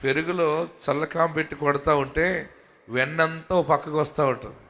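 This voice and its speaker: A man with a Telugu accent preaching a sermon as a pastor, moving from quiet talk to loud fervent shouting. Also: on the high side, fairly even intonation, normal speed, background noise. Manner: calls the congregation to say hallelujah. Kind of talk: Telugu sermon with prayer and promises.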